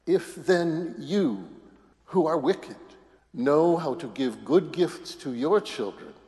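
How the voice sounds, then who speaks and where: A clergyman reading the Gospel aloud at Mass in a solemn, measured way, his voice ringing with cathedral echo in a large church. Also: on the high side, animated, dark tone. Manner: measured, solemn, deliberate phrasing. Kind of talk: liturgical scripture reading. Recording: long cathedral reverb from a church.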